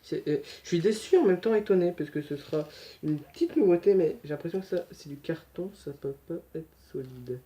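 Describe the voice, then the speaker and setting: A man's voice: fairly high pitch, expressive, a little fast, dark tone, muffled recording. A young man talking casually through an unboxing, chatty and self-correcting, muttering to himself as he handles things. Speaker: unboxing vlogger.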